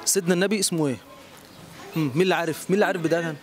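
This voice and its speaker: An Egyptian man hosting a street quiz outdoors, encouraging and quick to praise each answer. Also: a little high, steady tone. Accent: Egyptian Arabic. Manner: encouraging, repeats praise often.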